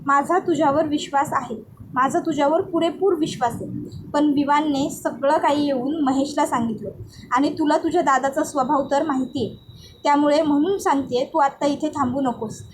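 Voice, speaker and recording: A woman voicing a firm but caring sister-in-law who scolds and then calms a young woman. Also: high voice, moderate pace, a little hiss or hum, natural voice. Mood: soothing.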